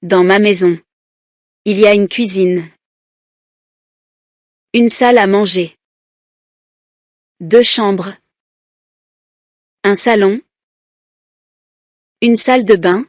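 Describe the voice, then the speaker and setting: Woman teacher, children's lesson reader, deliberate syllable-by-syllable delivery, dry mic. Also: medium pitch, a little mellow, no room sound. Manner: slow, deliberate, splits words into syllables. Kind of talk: reading a children's lesson aloud.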